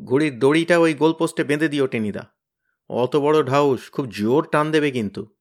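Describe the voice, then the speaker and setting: A man's voice: on the high side, moderate pace, natural voice. A man voicing a clever, mild teenage boy who answers with cheeky, teasing reasoning.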